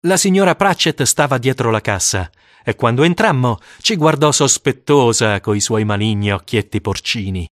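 A man narrating a first-person story for an audiobook, with dramatic, expressive storytelling. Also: mid-range voice, moderate pace, no echo, clean studio sound.

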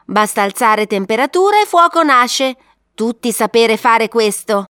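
A woman's voice: fairly high pitch, expressive, measured pace, bright, forceful tone, smooth, dry recording, studio quality. A woman voicing a small, innocent male elf child who speaks in broken, childish grammar. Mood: earnest, naive. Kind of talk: audiobook character reading.

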